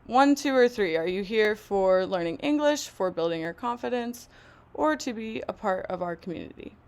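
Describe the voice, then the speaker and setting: A woman hosting a live online English lesson, speaking slowly and deliberately to learners. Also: medium pitch, lively intonation, a little mellow. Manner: slow, deliberate, encouraging speech.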